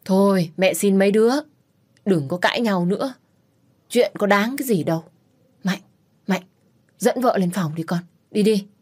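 A woman voicing a gentle older mother-in-law who pleads and urges everyone to stop. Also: mid-range voice, normal speed, pauses often, breathy edge, lightly acted. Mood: pleading. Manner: pleading, urging.

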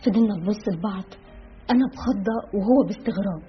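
A woman with an Egyptian accent narrating a first-person story in a lively, conversational way. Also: mid-range voice, fast talker. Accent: Egyptian Arabic. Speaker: audiobook reader. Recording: dull lo-fi with faint music.

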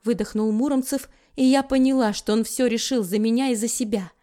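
A woman's voice: a little high, steady tone, brisk, warm tone. Woman reading a dramatic audiobook. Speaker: audiobook narrator. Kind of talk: audiobook narration.

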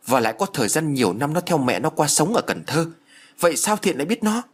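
A sharp-tongued elder sister in an audio story scolds in a shrill voice, as a man puts her on. The voice is high, husky and lively. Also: fast talker. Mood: agitated.

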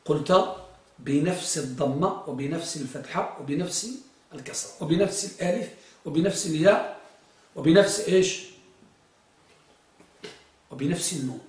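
High-voiced man teaching in an echoey room. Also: moderate pace, long pauses. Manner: quizzes students and repeats their answers. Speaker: teacher of Arabic grammar. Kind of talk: classroom grammar lesson. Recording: echoey room, far from the mic.

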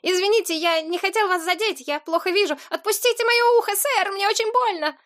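A woman's voice: very high-pitched, brisk, fairly bright tone, voice pushed up. Woman doing a whiny pleading street boy. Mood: pleading whine. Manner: thin pitiful put-on voice. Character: scared street-smart boy thief, whining pleading.

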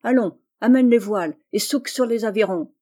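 A woman's voice: fairly high pitch, brisk, warm tone, natural voice. Give me a woman as a stern, curt boat captain in a storybook reading. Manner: curt, commanding.

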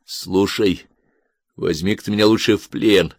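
A gruff, exhausted corporal, put on by a male reader. He speaks in a muted, guarded way with a deep voice, close to the reader's own. The sound is dry and close. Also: fairly even intonation, a little slow, dry recording. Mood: tense. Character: worn-out enemy corporal, tense, wary, gruff. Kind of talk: audiobook character voice.

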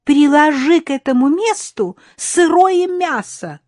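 A woman's voice: high voice, expressive, takes it slowly, a little mellow, dry recording, clean studio sound, pitched above the performer's own voice. A woman voicing a scheming middle-aged mother-in-law who coos in a sugary, cloying way, in an audiobook. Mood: stern. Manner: cloying, lisping-sweet cooing.

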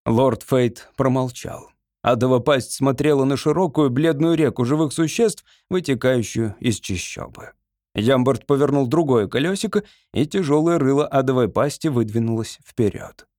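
A man's voice: mid-range voice, normal speed, darkish tone, no echo. Man narrating an audiobook, dry close sound. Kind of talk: scripted narration.

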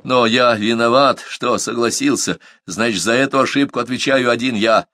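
A man's voice: medium pitch, normal speed, pushed and bright, pitched above the performer's own voice, lightly acted. A man reading the part of a proud, stubborn young man in an audiobook, speaking in strained, clipped replies.

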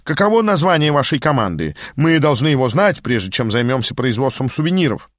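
A man reading an audiobook, voicing an effusive male delegate who is excitable and chuckling. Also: medium pitch, brisk, no echo, clean studio sound, natural voice. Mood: polite.

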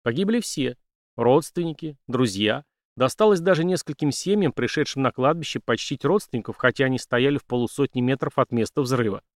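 A man's voice: medium pitch, a little fast, dry recording, close to an everyday voice. A nervous, scheming male police chief, played by a man in an audiobook, fawning and evasive. The reading sounds close and dry.

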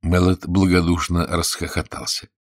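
A man narrating a story aloud in a measured storytelling manner. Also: sits low, monotone, dry recording, clean studio sound. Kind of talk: audiobook narration.

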